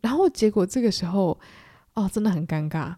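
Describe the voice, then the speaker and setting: A young woman with a Taiwanese Mandarin accent, hosting a solo book-club podcast and retelling a story in a chatty way, often putting on animated voices. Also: medium pitch, brisk, dry recording, studio quality. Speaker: podcast host.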